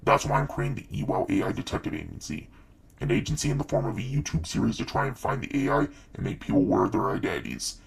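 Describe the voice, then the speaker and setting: A man's voice: mid-range voice, steady tone, fast, poor audio. Man through a filter as an ominous trailer narrator. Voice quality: gravelly, breathy and unvoiced through the filter. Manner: dramatic, portentous announcing.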